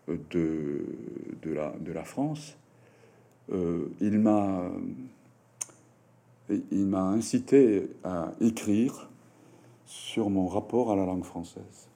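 A deep, dark-toned man answers interview questions slowly and haltingly, with frequent fillers and restarts. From Japan and a native Japanese speaker, he works as a writer and French teacher.

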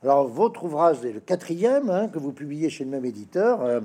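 An interviewer introduces a guest's book, reading passages aloud in a measured, deferential way with frequent hesitations. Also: mid-range voice, sing-song, mellow, husky.

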